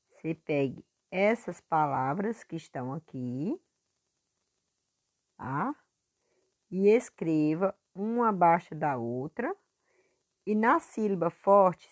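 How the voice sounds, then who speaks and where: A woman teacher recording a lesson review for her pupils, patient and clear, stretching words out to stress syllables. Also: lowish voice, animated, measured pace, long pauses.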